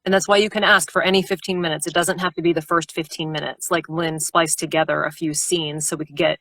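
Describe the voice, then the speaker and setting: A woman audiobook narrator chatting casually about her work on a live stream, animated and quick to laugh. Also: deep voice, no echo. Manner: animated, laughs often, jumps into character voices.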